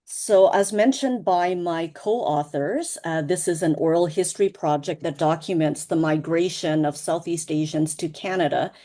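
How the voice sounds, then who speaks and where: Over a video call, a Lao woman co-author presents at an online book launch, speaking in a measured and earnest way. Her voice is fairly low in pitch and dark in tone.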